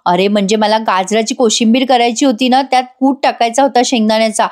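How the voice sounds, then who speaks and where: A woman's voice: a little high, steady tone, quick pace, a little mellow, natural voice. A woman voicing a sassy young wife who teases her husband and dodges his questions in chatty, playful talk. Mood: teasing. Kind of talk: acted voice in an episode recap.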